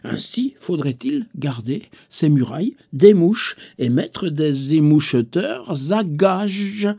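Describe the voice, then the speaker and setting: A man's voice: a little high, lively intonation, takes it slowly, dark tone, breathy edge, voice pushed down, full character voice. A man voicing a disgusted male fox who pleads and complains. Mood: pleading.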